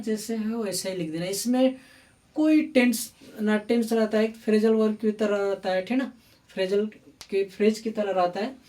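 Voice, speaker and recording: A woman's voice: on the high side, mellow. A woman teaching a grammar lesson, asking the class questions, answering them herself and checking in often. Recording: echoey room, voice from far off the mic.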